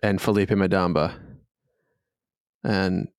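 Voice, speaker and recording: A man narrating as game master of a tabletop game, slow and often laughing. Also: deep voice, fairly even intonation, smooth, dry recording, studio quality.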